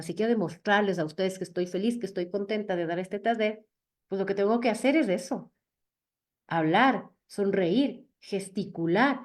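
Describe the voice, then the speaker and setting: A woman with a high voice teaching a public speaking workshop, expressive and playing with pitch and pace to show her points. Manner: expressive, often shifts pitch and pace to demonstrate. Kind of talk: virtual workshop talk.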